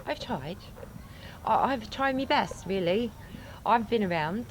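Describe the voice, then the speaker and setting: A woman's voice: mid-range voice, measured pace, a little hiss or hum, low-quality recording. A woman from Brooklyn with a Brooklyn accent, a theatrical actress and singer being interviewed. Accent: Brooklyn, New York. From Brooklyn, New York. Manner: theatrical, animated. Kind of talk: casual interview.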